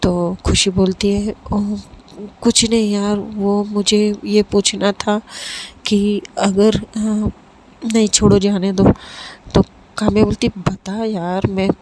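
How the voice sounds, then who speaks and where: A woman's voice: medium pitch, takes it slowly, poor audio. A woman casually telling a serialized love story, lightly voicing the characters in her own voice, with frequent fillers and restarts. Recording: steady background noise.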